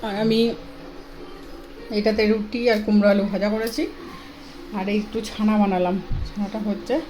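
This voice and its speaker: Her voice is mid-range, level in tone, and darkish, at normal speed. She's a young adult woman, a family vlogger with a small child, narrating a home vlog in a casual, informal way. Background ambience makes the home recording noisy.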